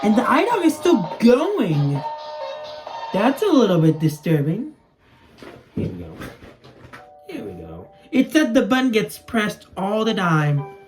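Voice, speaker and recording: A young adult toy video creator, a native Spanish speaker, chats casually and ramblingly while demonstrating something to camera in a small room at home. His voice sits high with wildly swooping pitch, a slow pace and frequent pauses. Soft music plays behind him, and the clear recording carries background noise and clicking.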